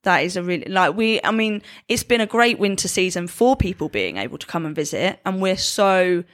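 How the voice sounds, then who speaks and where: A woman's voice: fairly low pitch, animated, a little fast. A woman co-hosts a podcast in easygoing chat. She talks with animation, often restarting sentences and finishing her co-host's thoughts. She is recorded in a room with the door open. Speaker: podcast co-host. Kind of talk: casual chat.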